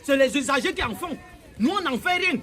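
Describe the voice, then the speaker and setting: A man's voice: very high voice, expressive, brisk, pushed and bright, heavily acted. A man playing a young, officious traffic police officer fresh from training, who talks sternly and repeats curt orders in a comedy sketch. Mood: insistent. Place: outdoors at a roadside checkpoint.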